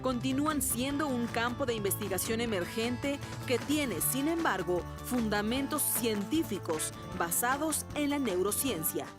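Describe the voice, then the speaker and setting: A woman narrating a news report in a formal, even read-aloud delivery. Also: on the high side, normal speed. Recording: voice-over over loud music bed.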